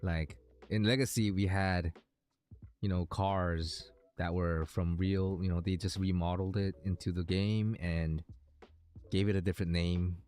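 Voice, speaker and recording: A man's voice: low voice, steady tone, unhurried, darkish tone, clean tone, soft background music. A man streaming a game, chatting casually with viewers in a hesitant, rambling way, thinking aloud.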